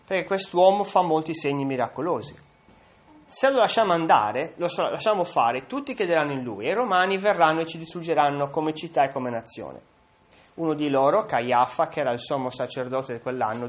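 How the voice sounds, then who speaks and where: A man preaching a sermon, who reads a long Bible passage aloud and then explains it, with the occasional slip and restart. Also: on the high side. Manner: occasional slips and restarts while reading.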